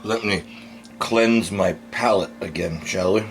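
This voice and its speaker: A man's voice: sits low, measured pace, slight background noise. A man giving a casual, unscripted food review in blunt, crude, rambling, drunken-sounding talk, swearing constantly.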